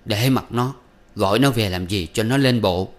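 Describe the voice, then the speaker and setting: A man's voice: on the low side, moderate pace, lightly acted. A man reading aloud and voicing a bitter, domineering old mother who scolds harshly. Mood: scolding.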